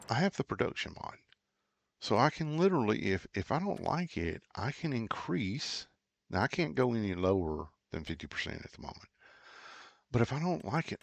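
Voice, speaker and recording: A man's voice: lowish voice, creaky. A middle-aged man hosting a farming game video, rambling and ranting in casual commentary with lots of fillers and restarts. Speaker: gaming channel host.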